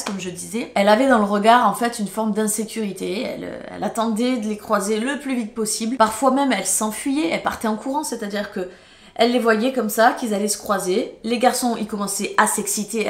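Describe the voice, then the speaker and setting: A woman's voice: medium pitch, creaky. A woman from France telling a storytime vlog in an emotional, indignant way, swearing when she gets angry. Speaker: YouTuber. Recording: roomy echo.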